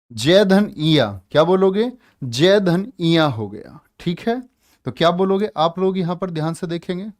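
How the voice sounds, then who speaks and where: A man's voice: a little high, a little mellow. A man teaching a Hindi grammar exam-prep class, quizzing and scolding students and stretching out letter sounds as he spells them. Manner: scolds and teases students, drills answers with repeated questions.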